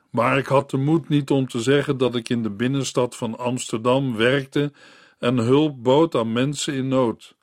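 A man narrating a story in a radio Bible broadcast, reading in a measured, earnest way and turning to the listener. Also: medium pitch, no room sound, studio quality.

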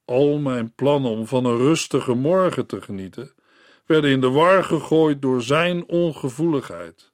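A man narrating a story in a radio Bible broadcast, reading in a measured, earnest way and turning to the listener. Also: medium pitch, no room sound, studio quality.

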